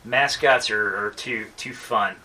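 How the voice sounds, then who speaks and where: A man's voice: fairly low pitch, takes it slowly, bright, forceful tone, distant mic, slight background noise, low-quality recording. A man in a casual movie commentary chat, tossing in wry quips with some swearing.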